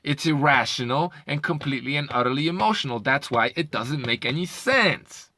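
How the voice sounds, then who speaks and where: A man delivering a heated, profane commentary rant, his voice bright and forceful. He trips over repeated words as he pushes his points. The sound is dry and close, with no room around it. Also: mid-range voice, expressive, moderate pace, dry recording. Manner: heated, profane, repetitive ranting with stammered restarts. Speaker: commentary vlogger. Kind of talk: ranting video commentary.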